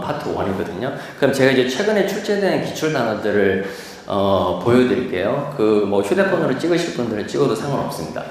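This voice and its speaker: A man's voice: medium pitch, a little hiss or hum. A male instructor lecturing a class, explaining vocabulary patiently and repeating key words. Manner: slows to model English pronunciation. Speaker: TOEIC instructor. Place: lecture room. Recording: echoey hall, distant mic.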